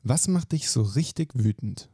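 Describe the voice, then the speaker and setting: A man hosting a podcast, firing off quick questions in a lively, brisk way. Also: mid-range voice, slightly rough, no room sound, studio quality. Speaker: podcast host. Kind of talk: quick-fire question interview.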